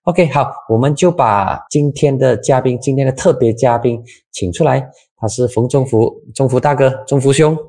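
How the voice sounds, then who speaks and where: A man's voice: mid-range voice, moderate pace, few pauses, dark tone, dry recording, clean studio sound. A man hosting a casual news talk show in Malaysian-accented Mandarin, chatting with a guest and using many filler particles.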